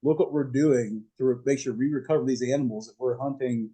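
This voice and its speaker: A man's voice: mid-range voice, fairly even intonation, a little fast, warm tone, breathy edge, low-quality recording. A man in his forties hosting a podcast, talking in a friendly, jokey way. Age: 40s. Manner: friendly, jokey, laughs easily. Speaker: podcast host. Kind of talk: casual podcast chat.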